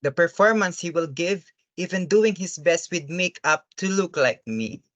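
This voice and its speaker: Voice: mid-range voice, animated, unhurried, a bit bright, no room sound, lo-fi sound. An earnest, troubled father from a stage play, as acted by a performer. He speaks formally and deferentially, hesitating and pleading. The sound is close and dry. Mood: courteous, troubled. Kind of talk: dramatic stage-play reading.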